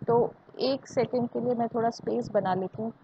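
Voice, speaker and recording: A fairly high-voiced woman with an Indian accent runs a live online maths lesson, going over each step twice and stopping to quiz her students. Her voice comes through a dull, lo-fi computer mic with a faint hiss underneath. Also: fairly even intonation, moderate pace, vocal fry, warm tone. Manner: repeats points and asks students check questions, mixing Hindi and English. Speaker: maths teacher. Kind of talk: live online class teaching.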